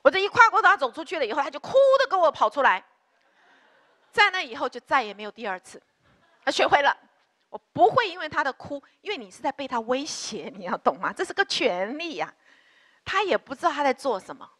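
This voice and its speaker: A middle-aged woman giving a church lecture on parenting and leading a prayer, emphatic and lively, asking the audience rhetorical questions. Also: high-pitched, fairly quick. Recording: hall reverb.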